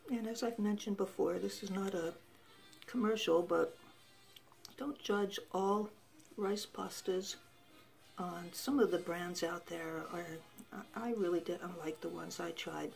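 Husky-voiced woman chatting about home cooking. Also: lowish voice. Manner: relaxed, chatty, tasting food while talking. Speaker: home cooking show host. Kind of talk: casual cooking talk to camera.

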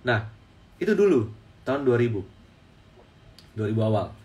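A man's voice: mid-range voice, sing-song, moderate pace, darkish tone, distant mic. A man, a stock trading educator, telling a story in casual explanatory talk and often repeating his phrases for emphasis. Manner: storytelling, repeats phrases, addresses viewers as friends.

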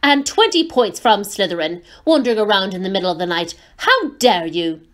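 A woman's voice: medium pitch, big pitch swings, a little fast, a bit bright. A woman reading aloud and voicing a strict, indignant older schoolmistress who scolds sharply.

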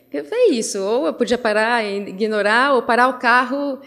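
A middle-aged Brazilian woman giving an opening speech, telling stories about her daughters with lively acted-out voices and many restarts. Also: a little high, moderate pace. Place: event hall. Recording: long hall reverb.

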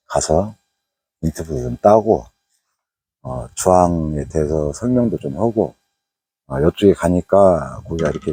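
A middle-aged man with a Jeolla Korean accent and a very low, dark, husky voice chats loosely through a night fishing vlog. He rambles along with plenty of fillers. The sound is dry and close. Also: no room sound. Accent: Jeolla Korean dialect. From Jeolla province, Korea. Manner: rambling, chatty, frequent "eo" fillers. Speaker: fishing YouTuber. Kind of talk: casual fishing vlog narration. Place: outdoors at a waterway at night.

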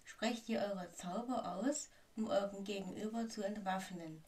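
A woman reading aloud and voicing a vain, showy male wizard teacher who announces loudly. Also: mid-range voice, unhurried, distant mic, close to an everyday voice. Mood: boastful.

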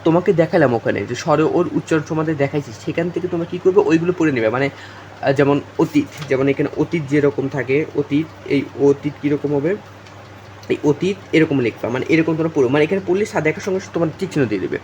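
Young male tutor, very fast delivery, slightly raised voice, repeats points to students, faint hiss. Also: on the high side, a little mellow. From Bangladesh. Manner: repetitive, addresses students directly, many fillers. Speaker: exam tutor. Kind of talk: informal exam-prep lesson.

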